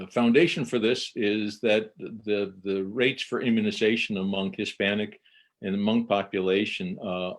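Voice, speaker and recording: A man co-hosting a casual chat, speaking with frequent hesitations and filler words. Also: lowish voice. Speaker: co-host.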